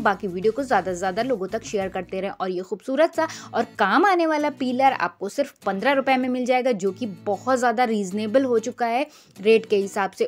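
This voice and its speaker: Woman shopping vlogger, higher voice, upbeat price rundown, phone-recorded in-store, faint music behind. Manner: upbeat sales-pitch, listing prices. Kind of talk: store walkthrough narration. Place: large retail store.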